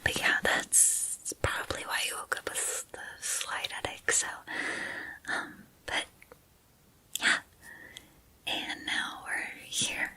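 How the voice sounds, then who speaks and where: A woman in a whispered role-play, voicing an obsessive, lovestruck female student turned captor who confides haltingly in a breathy whisper. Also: pushed and bright, rough recording. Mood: tender, shy. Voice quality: breathy whisper, mostly unvoiced. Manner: hesitant, halting, intimate confiding.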